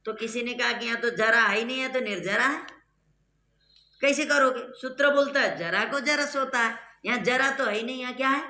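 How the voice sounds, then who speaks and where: Teacher, bright and clear, patient step-by-step explainer who keeps quizzing the class; echoey room. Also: mid-range voice, normal speed, slight background noise. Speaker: Sanskrit grammar teacher. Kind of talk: classroom lecture.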